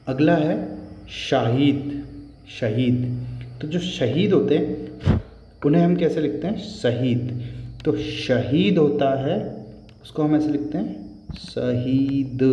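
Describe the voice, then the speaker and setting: A man gives a spelling lesson at an unhurried pace, patiently repeating each word. His voice is mellow and low in brightness. The recording is dull, with a long reverb from a roomy space. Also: a little hiss or hum. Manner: slow, patient, repeats words for emphasis. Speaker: Hindi teacher.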